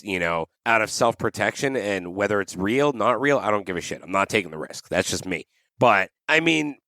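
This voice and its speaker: Swearing, animated podcast co-host man. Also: medium pitch, no room sound. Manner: loud, swearing, animated rants. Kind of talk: casual chat. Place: lives in Kuwait.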